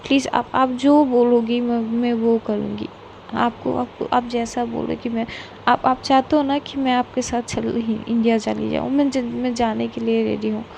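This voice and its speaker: A woman with a Bengali accent voicing a tearful young woman who pleads in halting, repeated words. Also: medium pitch, monotone, mellow, a little hiss or hum, close to an everyday voice. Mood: desperate pleading. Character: tearful young woman begging not to be left.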